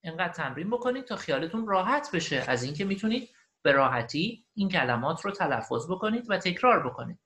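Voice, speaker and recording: A man teaching English beginners in a recorded online lesson, repeating each phrase slowly after the audio and then explaining it at length. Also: high voice, big pitch swings, a bit bright.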